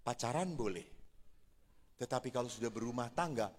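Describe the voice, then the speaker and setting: Animated joking priest in a reverberant hall. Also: male voice, medium pitch, fairly quick. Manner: animated, joking, playful storyteller. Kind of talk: humorous sermon to married couples. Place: large church hall. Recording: reverberant church hall, faint ambience.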